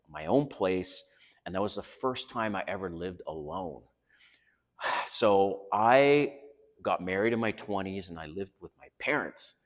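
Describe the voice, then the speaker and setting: Outdoors next to a residential pool, a middle-aged Canadian vlog host with a voice that sits low speaks candidly and earnestly, swearing freely. The recording sounds as if it were made in a large hall.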